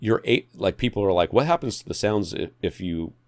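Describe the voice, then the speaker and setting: Expressive and fairly quick, this lowish, slightly mellow voice belongs to a podcast co-host who hands out opinionated tech advice bluntly and with exasperation, hammering points home through repetition. The studio-quality audio has no room sound.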